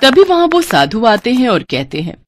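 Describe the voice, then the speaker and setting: A woman narrating a moral cartoon story in an expressive storytelling cadence. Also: on the high side, normal speed, no echo, clean studio sound.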